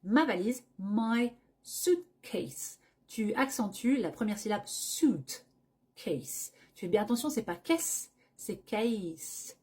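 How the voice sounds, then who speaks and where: Breathy woman teaching English. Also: medium pitch, expressive, slow pace, dark tone. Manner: explains pronunciation step by step, acts out short travel scenes. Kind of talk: language lesson.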